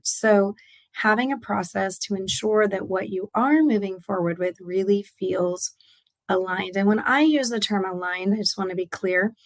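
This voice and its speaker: A woman speaks with a raspy, worn voice while she recovers from laryngitis. She hosts a casual solo talk as a business coach, upbeat and chatty, with fillers and restarts. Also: medium pitch.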